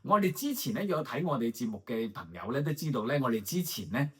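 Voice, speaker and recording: A man's voice: mid-range voice, big pitch swings, fast, a bit bright. A man from Hong Kong with a Hong Kong Cantonese accent, co-hosting a casual chat and laughing often between fillers. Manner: chatty, frequent laughs and filler particles. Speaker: co-host.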